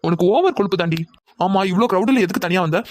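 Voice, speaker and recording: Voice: mid-range voice, expressive, fast, close to an everyday voice. A voice actor playing a bossy, protective young man in a cartoon who gives orders. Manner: bossy, commanding.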